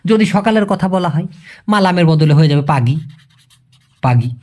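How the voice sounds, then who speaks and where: A man with a slightly raised voice runs a relaxed spoken language lesson, talking to the viewer like a brother. He explains each sentence step by step and slows almost to a crawl whenever he spells out a new phrase. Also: on the high side. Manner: addresses the listener as brother, chatty and colloquial. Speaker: language teacher.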